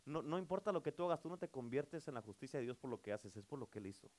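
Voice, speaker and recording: A male pastor preaching a sermon, emphatic, calling for amens and swinging between loud and soft. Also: mid-range voice, animated, racing.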